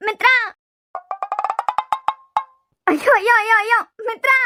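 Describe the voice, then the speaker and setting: A woman doing a shrill, melodramatic young man. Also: a bit bright. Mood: wailing. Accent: Kanyakumari Tamil. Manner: wailing, melodramatic. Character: overwrought young man fussing over his friend. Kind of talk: cartoon web series voice acting.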